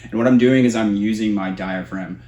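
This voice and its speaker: A man's voice: lowish voice, moderate pace, dark tone. A man giving a casual, explanatory tutorial as a vocal coach. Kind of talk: instructional tutorial with vocal demonstrations. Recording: roomy echo.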